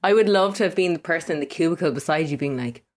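A woman's voice: low-pitched, expressive, fast, a little mellow. A woman with an Irish accent co-hosting a podcast in a chatty, teasing way. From Ireland. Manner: chatty, teasing, laughs easily. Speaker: podcast co-host. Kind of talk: casual chat.

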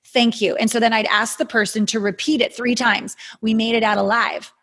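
A higher-voiced woman leads a guided healing exercise. Her tone is airy and husky with breath, and she speaks like a mystical healer, giving soothing, chant-like prompts between conversational explanations. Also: flat delivery, normal speed, fairly bright tone. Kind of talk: guided meditation coaching, conversational.

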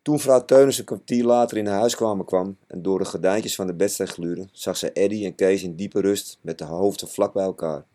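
A man narrating a children's storybook in a measured, expressive way. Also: low voice. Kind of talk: storybook reading.

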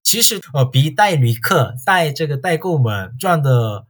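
A man from South Korea speaking Mandarin as a foreigner with a Korean accent, answering interview questions casually in halting, simple phrases as a tour guide. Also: a little high, big pitch swings, a bit bright, breathy edge.

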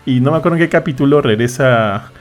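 Animated man, casual chat. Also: mid-range voice, quick pace. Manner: animated, acts out quotes with slang.

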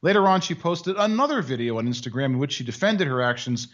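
A man's voice: mid-range voice, expressive, fast, a bit bright. A man hosting a commentary show, narrating with dry, mocking asides. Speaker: commentary host. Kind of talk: sarcastic commentary. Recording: dull lo-fi audio.

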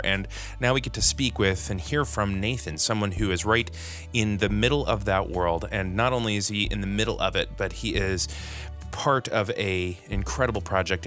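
Earnest low-voiced male podcast host. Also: bright, forceful tone. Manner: earnest, enthusiastic, frequent restarts and laughs. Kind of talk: podcast interview.

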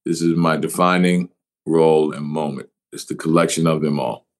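A middle-aged actor with a New Orleans accent, telling stories expansively in an interview and acting out examples with pitch swings. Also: male voice, fairly even intonation, moderate pace, rough recording. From New Orleans, USA. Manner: expansive storyteller, shifts pitch to act out examples. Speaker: actor guest. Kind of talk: animated interview talk.

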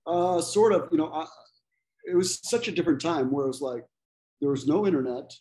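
A man's voice: on the high side, brisk, warm tone, poor audio. A man in his forties who grew up in Ecuador, chatting casually as a comedian guest, self-deprecating and laughing often. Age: 40s. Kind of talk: casual podcast chat.

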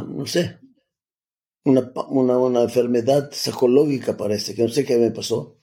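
Older man telling his story, halting. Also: medium pitch, dark tone. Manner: halting, restarts often, salty slang. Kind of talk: personal storytelling, casual.

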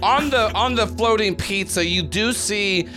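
A man working as game master, improvising narration in a halting, repetitive way. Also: high voice, loud music behind the voice. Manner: halting, repeats himself, says "like" often.

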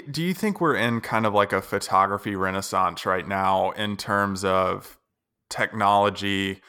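A man's voice: low-pitched, sharp tone, clean tone. A man hosting a podcast interview, asking long, winding questions in a casual way. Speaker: podcast host.

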